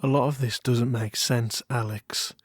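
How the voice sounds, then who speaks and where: A man's voice: mid-range voice, steady tone, measured pace, no echo, clean studio sound, natural voice. A man playing a wealthy, self-controlled yandere lover, jealous yet restrained, speaking formally in a dramatic audio role-play. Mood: suspicious. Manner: yandere, composed, formal, wounded devotion.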